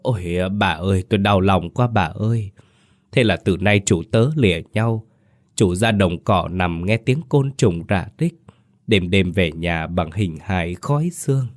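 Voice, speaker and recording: A crafty servant moaning a hushed, put-on lament, as a male storyteller acts him out. The voice is low and dry, close to the mic in an audio ghost story. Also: lively intonation, measured pace, no echo. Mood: mock-mournful.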